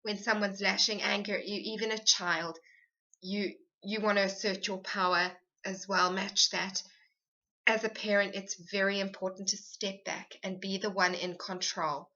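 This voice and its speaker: Bright-voiced woman giving earnest advice. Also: medium pitch, normal speed, dull audio. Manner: earnest, steady, explanatory. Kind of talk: podcast advice monologue.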